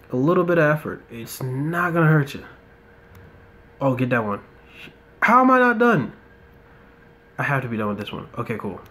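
Playing a football game on his phone inside a room, a young American man talks through it in a relaxed way, muttering to himself and sometimes ranting. His voice is a little high.

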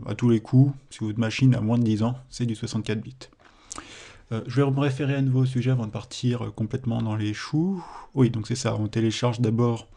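This male teacher has a French accent and a mid-range, dark-toned voice with vocal fry. He explains a computing exercise for a screen-recorded tutorial, hesitating and correcting himself as he goes.

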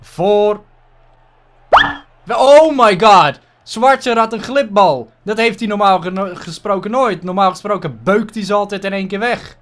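A man with a Dutch accent giving casual gameplay commentary, excitable and swearing a lot, dropping English exclamations into his talk. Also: high-pitched. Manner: excitable, frequent swearing and frustrated outbursts. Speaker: gaming YouTuber.

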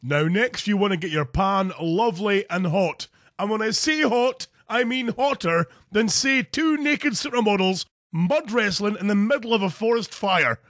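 A Scottish man hosts a crude comedy cooking show, narrating recipes with jokes in a crude, animated, jokey delivery. His voice is high-pitched at normal speed, recorded in studio quality with no room sound.

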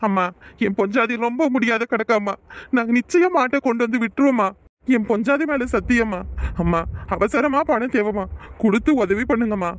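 A man's voice: very high voice, a little fast. A man voicing a poor village cowherd who pleads and wails in a cartoon. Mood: pleading. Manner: pleading, wailing. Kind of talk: cartoon voice acting.

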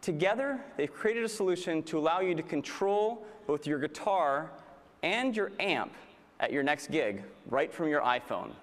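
A man with a slightly high voice presents a product keynote in an upbeat, polished manner. His headset mic carries into a large conference hall, where a long reverb trails his words. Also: animated, moderate pace.

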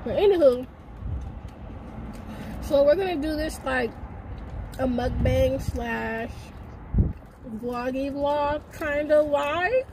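A young woman hosting a casual vlog from her car, chatty and playful, talking loudly. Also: sits high, takes it slowly, pauses often. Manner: chatty, loud and playful, hollering over the noise. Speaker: vlog host. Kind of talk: casual chat. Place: car with the window down. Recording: traffic noise through an open car window.

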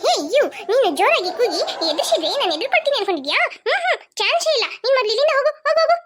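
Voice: very high-pitched, sing-song, rapid-fire, very noisy. Bossy possessive cartoon girl Julie. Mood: defiant. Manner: bossy, snappy. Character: possessive, bossy little girl guarding her fish.

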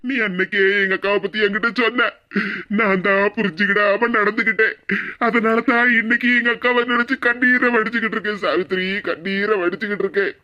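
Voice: mid-range voice, steady tone, brisk, pushed and bright, muffled recording, lightly acted. A voice actor playing a remorseful, tearful middle-aged cartoon husband in Kanyakumari Tamil who laments and repeats himself. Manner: lamenting, repeats phrases mournfully. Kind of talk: cartoon comedy voice acting.

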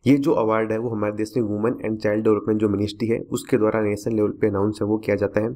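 A man's voice: lowish voice, little pitch movement, quick pace, mellow. A man teaching a current affairs lesson for exam students, repeating key facts to remember.

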